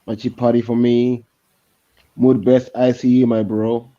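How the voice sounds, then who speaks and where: A man hosting a live stream, giving slangy shout-outs in a roll-call delivery. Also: mid-range voice, flat delivery, measured pace. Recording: dull lo-fi mic.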